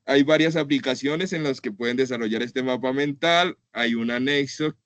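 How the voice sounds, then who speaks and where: A man's voice: medium pitch, moderate pace, a bit bright, no room sound. A man teaching an online class, walking students through slide examples in a patient, explanatory way. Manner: patient, explanatory, repeats "entonces" and "por ejemplo".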